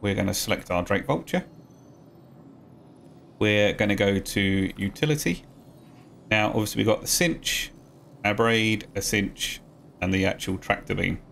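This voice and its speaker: Gravelly-voiced man explaining a game. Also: on the low side, slight background noise. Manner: relaxed, talks viewers through steps. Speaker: gaming guide creator. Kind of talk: casual game tutorial voice-over.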